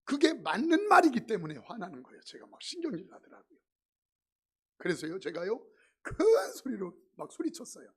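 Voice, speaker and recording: A man's voice: high voice, big pitch swings, normal speed, slightly rough. A middle-aged male pastor preaching a sermon in a church, mixing humorous stories with emphatic points. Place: church sanctuary.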